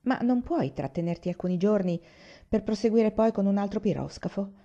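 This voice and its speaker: A timid young man speaks hesitantly, stumbling over his words, as a woman reads him aloud in an audiobook. The tone is mellow and warm. The sound is a little muffled. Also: mid-range voice, lively intonation, fairly quick, lightly acted. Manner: stammering, hesitant.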